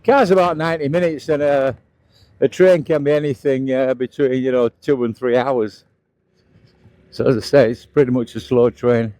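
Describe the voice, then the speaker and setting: Riding a scooter along outdoor roads, a middle-aged British man keeps up a casual, plain-spoken running commentary for his motovlog. He speaks at a moderate pace with a medium pitch, a steady manner and a dark tone.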